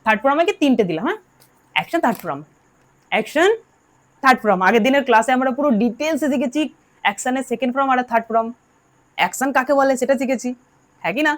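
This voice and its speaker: A woman's voice: sits high, expressive, fast, long pauses. A woman teaching English grammar to a class, drilling her students and telling them to answer aloud. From Bengal. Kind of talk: classroom lesson.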